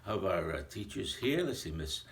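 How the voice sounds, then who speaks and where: A man playing Santa Claus, chatty and lively. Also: deep voice, normal speed, exaggerated voice. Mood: cheerful. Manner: chatty, playful, rambling. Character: jolly old Santa Claus greeting children. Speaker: Santa greeting schoolchildren. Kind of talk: recorded video greeting to a school.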